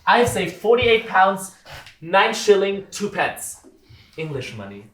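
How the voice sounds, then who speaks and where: A gentle sideshow performer, acted by a man, speaking in halting, broken phrases. His voice sits a little high and rises and falls widely as he goes slowly. The room echoes, with a faint hiss underneath. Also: very animated, heavily acted. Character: simple-spoken male fellow sideshow performer.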